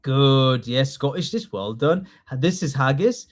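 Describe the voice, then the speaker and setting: A man teaching a live online class, lively and coaxing, repeating key words slowly for his students. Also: medium pitch. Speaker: test training tutor.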